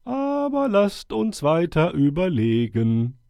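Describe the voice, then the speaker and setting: A kindly old storybook owl, voiced by a man, speaking in a raised, slow and measured tone that swoops up and down with a gravelly texture. He hoots between sentences like a patient chairman. The sound is dry and close, with no room around it. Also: on the high side, huge pitch swings, dark tone, dry recording, voice pushed up, exaggerated voice. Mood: stately. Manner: slow, measured and stately, with hooting calls. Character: wise old male owl chairing a meeting. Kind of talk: storybook character voice.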